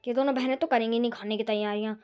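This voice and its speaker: A woman's voice: a little high, a little fast, mellow, voice pushed down, lightly acted. A woman playing a touchy young daughter-in-law who complains and grumbles in a homemade family drama. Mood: grumbling. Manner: whiny, complaining.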